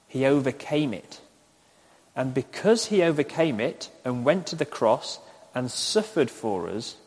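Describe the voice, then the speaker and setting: A man preaching a sermon in a slow, deliberate way, with emphatic pauses. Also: medium pitch. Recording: long hall reverb.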